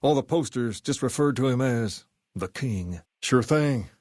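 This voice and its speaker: A man playing a self-assured, folksy gang boss in a video game, with a Southern US accent and a measured way of talking. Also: medium pitch, lively intonation, darkish tone, no room sound, studio quality. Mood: relaxed, folksy. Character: charismatic, folksy male gang boss styled on a rock-and-roll idol. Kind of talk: video game character dialogue.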